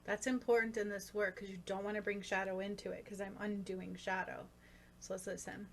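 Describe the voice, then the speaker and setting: Female spiritual commentator, casual explainer, even mid-range voice, faint noise behind her. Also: medium pitch, brisk, vocal fry. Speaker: spiritual commentator on own session. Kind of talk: casual spoken commentary on a recording. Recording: faint constant background noise.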